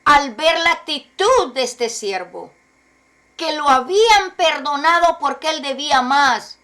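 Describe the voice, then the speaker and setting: A woman preaches a sermon in a high, bright voice. She speaks emphatically and keeps asking her listeners rhetorical questions. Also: animated, measured pace.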